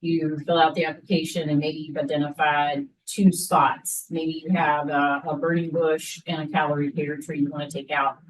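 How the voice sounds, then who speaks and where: A woman's voice: low voice, little pitch movement, normal speed, few pauses, distant mic, rough recording. A woman coordinating a local program, explaining it to a class in a conversational way with many fillers. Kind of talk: informal class presentation.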